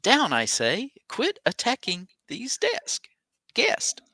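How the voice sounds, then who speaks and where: A man voicing the gruff ghost of an old sea captain in salty sailor talk for a tabletop game. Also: sits high, huge pitch swings, slow pace, bright, forceful tone, no room sound, studio quality, pitched above the performer's own voice, full character voice. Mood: exasperated. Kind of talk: tabletop role-play.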